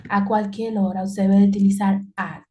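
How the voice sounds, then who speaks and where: A woman's voice: medium pitch, level tone, normal speed, warm tone. A woman teaching English in an online class, explaining patiently and repeating key points.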